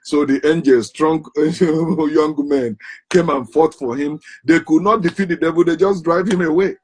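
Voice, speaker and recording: A man from Africa, commenting on religion, delivers an impassioned and emphatic monologue, driving home one rhetorical question after another. His voice sits fairly high, with a steady tone, a slightly slow pace and a breathy edge.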